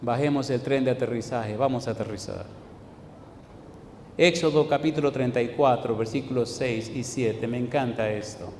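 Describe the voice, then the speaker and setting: A male pastor preaching a sermon in a church, firing rhetorical questions at the congregation and swinging between loud declaiming and quiet asides. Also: medium pitch, normal speed, slight background noise. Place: church sanctuary. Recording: echoey church hall with long reverb.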